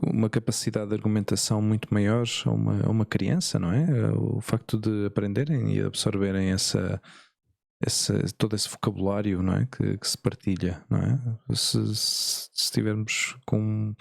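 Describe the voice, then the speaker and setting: Gravelly Portuguese man, hesitant host. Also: lowish voice, flat delivery, moderate pace, darkish tone, no room sound, clean studio sound. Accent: European Portuguese. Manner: thinks aloud with hesitations and tag questions. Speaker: podcast host. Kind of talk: casual interview conversation.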